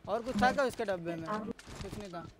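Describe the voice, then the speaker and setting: एक आदमी, live गेम stream करते हुए, साथियों को जल्दी-जल्दी निर्देश देता है।. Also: male voice, sits high. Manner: urgent rapid callouts to teammates. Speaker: streamer. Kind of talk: live gameplay squad chat.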